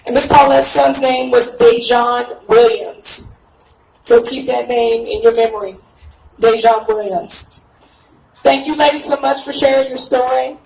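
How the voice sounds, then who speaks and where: A woman's voice: fairly high pitch, fairly even intonation, measured pace, vocal fry, a little mellow. A woman emcee introduces speakers at a rally and rouses the crowd. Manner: encouraging, rousing the crowd. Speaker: event emcee. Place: outdoor rally stage. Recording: echoey, distant recording with faint music.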